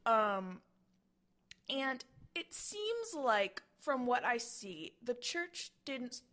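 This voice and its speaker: A woman's voice: fairly high pitch, sing-song, drawn-out words, a bit bright. A woman in her twenties co-hosting a podcast, chatting casually with many fillers and restarts. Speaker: podcast co-host. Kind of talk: casual chat.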